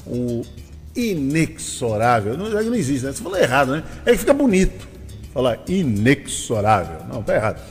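A man's voice: mid-range voice, very animated, fast, long reverb tail, faint music behind. A man hosting a morning radio show from São Paulo, chatting casually and laughing often, with a Brazilian Portuguese accent. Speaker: radio host.

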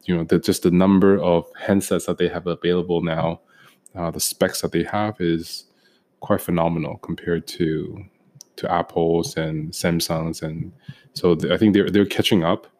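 Deep and a little mellow, this young man's voice carries a relaxed podcast he co-hosts. He hesitates often, filling gaps with ums and starting sentences over.

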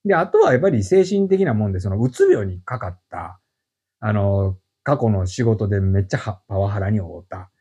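A middle-aged man with a Kansai accent, chatting as a podcast guest and explaining his work in an animated, storytelling way. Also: on the low side, brisk, slightly rough, lo-fi sound. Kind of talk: casual podcast chat.

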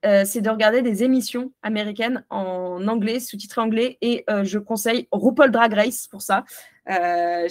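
Chatty, fairly high-pitched French woman. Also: no room sound. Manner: chatty advice-giving with many hesitations. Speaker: podcast guest. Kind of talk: casual interview chat.

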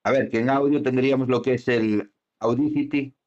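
A man chats casually as a podcast co-host, his mid-pitched voice wandering through fillers and restarts. The recording is a little dull and lo-fi. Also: steady tone, normal speed, darkish tone. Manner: rambling, many fillers and restarts. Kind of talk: casual chat.

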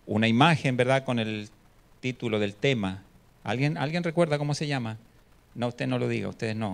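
A man's voice: lowish voice, smooth. A man preaching a sermon in a church hall, chatting with the congregation and asking them questions, speaking through a face mask into a microphone. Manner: conversational, asks the congregation questions. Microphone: handheld mic, speaking through a face mask.

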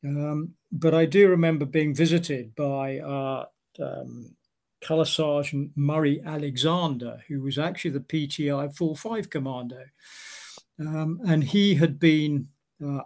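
Older British man, halting dry storyteller. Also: fairly high pitch. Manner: halting, many restarts and fillers, dry humor. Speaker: interviewee, former Royal Marines officer. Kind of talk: oral history interview.

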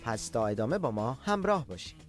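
A man teaching Korean in an online lesson, explaining patiently and repeating words for learners, sometimes slowing right down to spell a word out syllable by syllable. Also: mid-range voice, big pitch swings, soft background music.

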